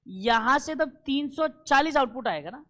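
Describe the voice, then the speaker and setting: A man teaching a classroom lecture, emphatic and repetitive, often checking that students follow and slowing down for key English terms. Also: extremely high pitch, animated, bright, forceful tone. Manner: emphatic, repeats points and keeps checking understanding.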